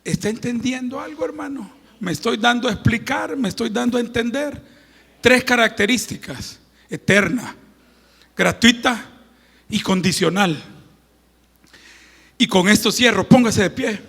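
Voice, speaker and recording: A man preaching a Sunday sermon in a high, bright, gravelly voice, his words ringing with the long reverb of a church hall. He moves slowly and unhurriedly, shifting from loud, proclaimed scripture readings to hushed, playful asides. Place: church sanctuary.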